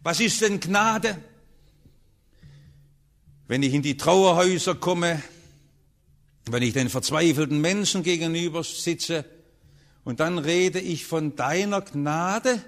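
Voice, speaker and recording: Male pastor, high voice, emphatic sermon delivery, rising and hushing by turns. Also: measured pace. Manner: emphatic preaching with strong rises and hushed drops.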